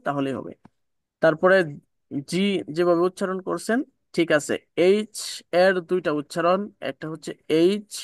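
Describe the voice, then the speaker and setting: A man's voice: high voice, dry recording. A man teaching English pronunciation in an online class, patiently repeating each sound with small fillers. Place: online video call class.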